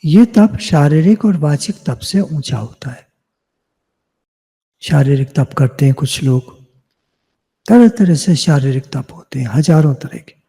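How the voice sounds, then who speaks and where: Slow, husky-voiced man giving a devotional discourse. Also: fairly high pitch, expressive, dark tone, big-room sound. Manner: measured teaching, repeats phrases, asks and answers own questions. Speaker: spiritual teacher. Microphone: video call.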